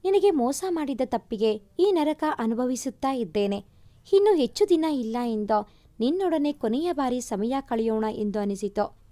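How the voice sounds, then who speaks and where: A woman voicing a remorseful young woman's farewell letter, read softly and apologetically. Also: sits high, expressive, moderate pace, no echo.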